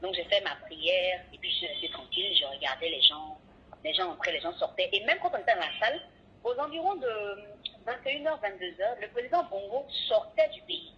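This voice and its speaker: A woman's voice: mid-range voice, a little fast, husky. A woman, a radio and TV presenter, tells her story in a phone interview and acts out each voice in the dialogue. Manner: lively retelling that acts out every voice in the dialogue. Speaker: radio and TV presenter recounting an ordeal. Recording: tinny phone line.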